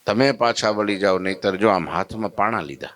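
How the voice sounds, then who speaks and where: A man's voice: lowish voice, a little fast, a bit bright, close to an everyday voice. A man voicing a compassionate divine master who speaks with firm, reassuring commands. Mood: commanding.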